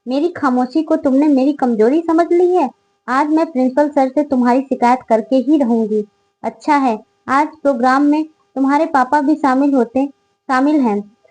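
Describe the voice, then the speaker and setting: A woman voicing a quiet but firm young female college student in a read-aloud story. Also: high-pitched, moderate pace, natural voice, rough recording. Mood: indignant. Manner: firm and indignant.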